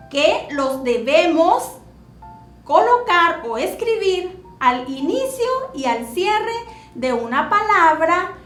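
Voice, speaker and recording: A woman teacher explaining punctuation to children in a slow, deliberate classroom manner. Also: extremely high pitch, fairly bright tone. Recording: echoey room with faint music.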